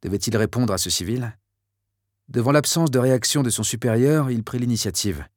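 Homme narrateur, prise très sèche. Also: male voice, mid-range voice, lively intonation, fairly quick, no echo, studio quality. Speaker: audiobook narrator. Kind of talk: scripted narration.

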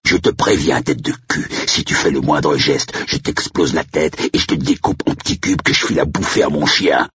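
Picture a rough-edged country caretaker with a very deep, gravelly voice that lurches up and down as he talks, as a male narrator puts him on. He is blunt and slangy, full of crude threats and sudden cheer. The sound is dull and dry, like a lo-fi recording. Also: very animated, moderate pace, background noise, full character voice. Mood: menacing. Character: gruff rural male estate caretaker, jumpy then jovial.

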